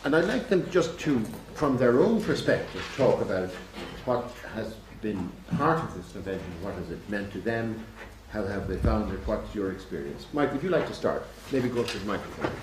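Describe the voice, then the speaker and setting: A man of medium pitch acts as chair, addressing an audience off the cuff. He is measured and courteous. The sound is distant and reverberant, with clear background noise. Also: animated. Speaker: chair of a public meeting. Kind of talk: unscripted moderating to an audience. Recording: echoey, distant, noisy room with clicks.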